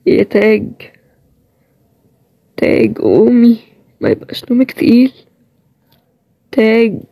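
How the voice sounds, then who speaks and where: A woman voicing a tired, stubborn young man with an Egyptian accent, in a low-key, plain-spoken way. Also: very animated, slow pace, vocal fry, warm tone, no echo, full character voice. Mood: weary. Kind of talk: storybook role-play series.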